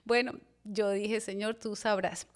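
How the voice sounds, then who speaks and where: A woman in her fifties shares a personal testimony on a podcast. She tells it like a storyteller and slips into the voices of family members as she goes. She speaks at an average pitch for a woman. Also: a little slow. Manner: lively storyteller who voices her mother and fiancé in quotes. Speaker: pastor.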